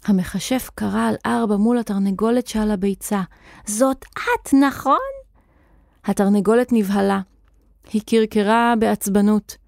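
A woman narrating a children's audio story in an expressive, vivid reading. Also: mid-range voice, creaky, no echo, studio quality.

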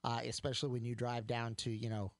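A man's voice: medium pitch, flat delivery, fast talker, no echo. A man co-hosting a tech talk radio show, chatting casually with many fillers and restarts. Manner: chatty, hesitant with fillers and repeats.

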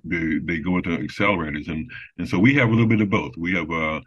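Deep-voiced man, halting interview guest. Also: a bit bright, breathy edge. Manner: halting, many restarts and fillers. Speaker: business development guest. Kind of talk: casual interview talk. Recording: dull lo-fi sound.

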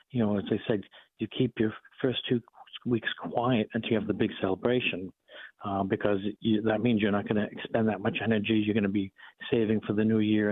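Man, Boston accent, doctor calling in, low voice, tinny phone line, calm, lots of uhs. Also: husky, no room sound. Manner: calm and explanatory, with many fillers. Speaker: doctor and regular guest. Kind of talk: casual phone-in chat. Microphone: telephone.

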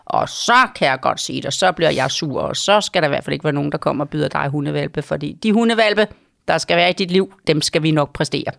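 A woman's voice: low-pitched, creaky, dry recording, clean studio sound. A woman giving parenting advice on a call-in show, talking in long reassuring run-ons that keep checking in with the listener. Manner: rambling, reassuring, frequent tag questions. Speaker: parenting advisor.

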